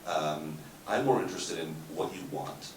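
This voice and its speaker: A very deep-voiced man speaks on a therapy panel, hesitating and restarting often with plenty of fillers. He is picked up from a distance in a conference room that echoes, with clear background noise behind him. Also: expressive. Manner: halting, many fillers and restarts. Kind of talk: panel discussion answer.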